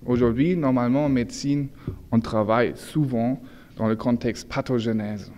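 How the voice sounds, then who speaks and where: A man with a German accent, a native German speaker, gives an informal illustrated lecture in French, halting as he searches for words and corrects himself. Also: medium pitch, fairly even intonation, warm tone. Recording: echoey hall with long reverb, background noise.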